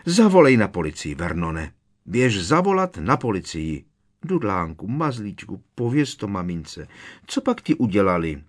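A man voicing a shrill, fussing aunt who coos and frets over her son in a high, frantic voice. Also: sing-song. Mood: frantic cooing.

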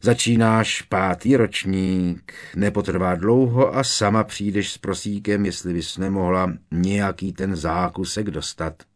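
A man's voice: deep voice, fairly even intonation, close to an everyday voice. A man voicing a cheeky, mischievous teenage prankster in an audiobook, teasing and cocky. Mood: gleeful.

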